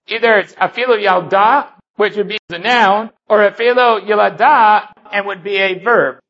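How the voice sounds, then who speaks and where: A man's voice: high voice, fairly bright tone, lo-fi sound. A man teaching a Talmud lesson, reading each Aramaic phrase and then explaining it step by step. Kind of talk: Talmud study lecture.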